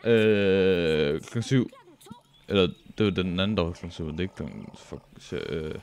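A young man with a Danish accent, commentating a speedrun live, excitable and joking with frequent swearing. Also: sits low, gravelly. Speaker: streamer.

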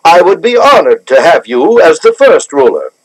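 Conquering king, formal and measured, expressive pitch. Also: slightly rough, no room sound, rough recording. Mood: gracious. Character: conquering king, calm and gracious. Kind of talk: 1970s storybook record drama.

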